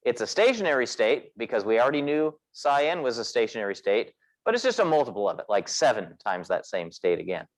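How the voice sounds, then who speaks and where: A man's voice: medium pitch, sing-song, fairly quick, few pauses. A man teaching a physics class, explaining step by step and asking the class questions as he goes. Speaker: physics instructor. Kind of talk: lecturing in a class meeting. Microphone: recorded class session.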